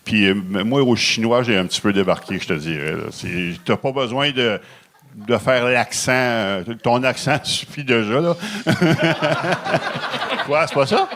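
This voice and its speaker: A man gives blunt, joking feedback on a comic's set. His pitch moves up and down a lot, and he keeps a mid-range voice. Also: lively intonation, measured pace, fairly bright tone, a little hiss or hum. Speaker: comedy show judge.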